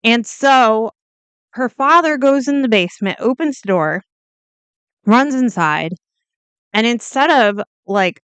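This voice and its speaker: A woman in casual commentary who talks bluntly and wanders into side remarks. Her voice is smooth and resonant. The recording is dry, with no room sound around it. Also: a little high, lively intonation, slow, long pauses, a bit bright, no room sound. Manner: blunt, chatty, swears, goes off on tangents. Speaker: true crime video host. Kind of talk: casual true crime commentary.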